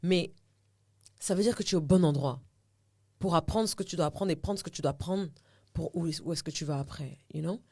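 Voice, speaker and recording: A woman's voice: on the low side, brisk, breathy edge, dry recording. Woman, from Cameroon, interview guest, casual storytelling, English phrases mixed in, dry close sound. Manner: animated storytelling, often slips into English phrases. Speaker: actress and TV host, interview guest.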